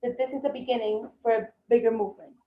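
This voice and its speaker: A woman's voice: a little high, steady tone, fast. A woman interpreting live on a video call, hesitant with fillers and restarts, heard over a bad internet connection. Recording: muffled, echoey video call audio.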